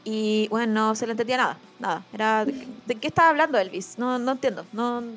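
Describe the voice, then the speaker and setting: A woman's voice: a little high, fast talker, faint music behind. A young woman with a Chilean accent co-hosting a podcast in slangy casual talk. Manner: slangy, chatty. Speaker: podcast co-host. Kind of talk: casual chat.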